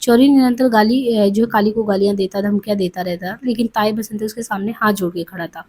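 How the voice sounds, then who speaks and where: A woman narrating a novel aloud in an unhurried, plain way. Her voice is mellow and slightly husky. Now and then she stops to explain a passage in her own words. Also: mid-range voice, fairly even intonation. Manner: plain reading with explanatory asides.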